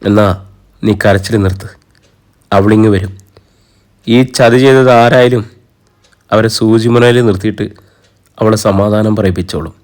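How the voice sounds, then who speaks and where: Stern old matriarch, scolding, cutting, deep voice, man reading her. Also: steady tone, measured pace, long pauses, a little mellow, natural voice. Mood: firm. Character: stern elderly matriarch, scornful and unbending.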